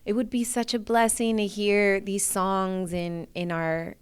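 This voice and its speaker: A woman's voice: mid-range voice, little pitch movement, measured pace, clear, resonant tone, no room sound. A woman from New York, a singer and interview guest, chatting casually and laughing often. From New York, USA.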